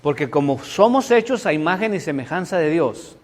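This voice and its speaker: Pastor, man, middle-aged, high-pitched, dramatic sermon delivery. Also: animated, moderate pace. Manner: emphatic, dramatic storytelling. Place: church sanctuary before a congregation.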